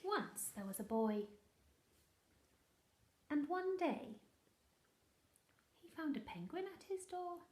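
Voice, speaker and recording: Like a primary teacher, a woman reads a picture book aloud to young children, expressive and deliberate, slipping in hushed asides. Her voice is high-pitched and the sound is roomy.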